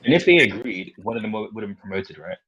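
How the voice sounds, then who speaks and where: A man's voice: fairly low pitch, lively intonation, fast talker, sharp tone, breathy edge, lo-fi sound. A man in a casual debate, methodically explaining his point through step-by-step analogies.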